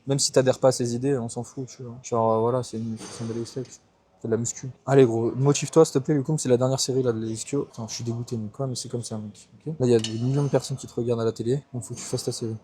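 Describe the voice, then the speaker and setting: A man's voice: mid-range voice, fairly even intonation, racing, mellow, slight background noise. A young man in his twenties, a fitness coach vlogging casually from the gym, joking and teasing himself while talking straight to the viewer. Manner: joking, self-mocking, talks straight to viewer. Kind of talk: casual gym vlog talk.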